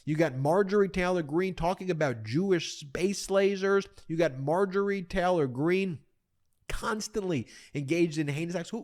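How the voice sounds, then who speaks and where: Man, commentary host, indignant, repetitive, addresses viewers directly, slightly high pitch. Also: darkish tone. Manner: indignant, repeats himself, addresses "folks". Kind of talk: political commentary.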